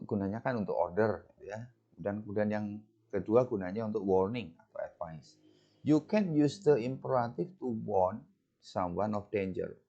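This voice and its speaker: A man with an Indonesian accent and a fairly low, warm voice with vocal fry teaches English grammar in a bilingual lecture. He explains patiently and reads the English examples aloud. The recording is dull and lo-fi.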